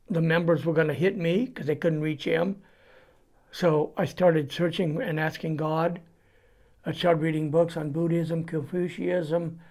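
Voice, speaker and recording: A man in his seventies from California, with a Californian American accent, gives testimony as an interview guest, telling a personal story indoors before a cloth backdrop. His darkish voice sits slightly high for a man, and he speaks plainly, starting and stopping as he goes.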